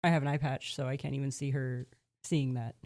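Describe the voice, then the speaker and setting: Low-voiced woman playing a tabletop game. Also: steady tone, brisk, dark tone. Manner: playful, laughs often. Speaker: player. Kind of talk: tabletop role-play chat.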